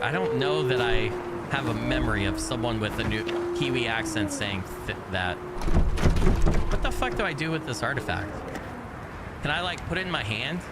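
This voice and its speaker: This medium-pitched male voice belongs to an American with a faint regional accent who talks casually with viewers during a game stream. His speech rambles and keeps restarting mid-sentence, and the audio is very noisy.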